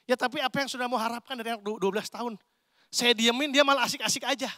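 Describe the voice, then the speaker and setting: A man, conversational and animated, acting out little dialogues. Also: very high-pitched, rapid-fire, dry recording, studio quality. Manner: animated, conversational preaching with acted asides. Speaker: pastor. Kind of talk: sermon. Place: church.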